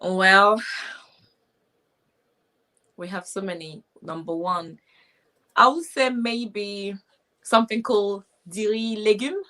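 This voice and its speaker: Speaking reflectively as a guest in a relaxed interview over video call, this young woman from Haiti has a strong accent and grew up speaking Haitian Creole. Her voice sits at medium pitch, bright and forceful, and she takes it slowly with frequent pauses.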